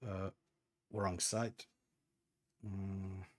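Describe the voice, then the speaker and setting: Speaking extremely slowly in a low, level voice, a chatty man runs a casual livestream from his home and answers comments. He is a native Croatian speaker whose hesitant talk is full of fillers and restarts while he tinkers with something.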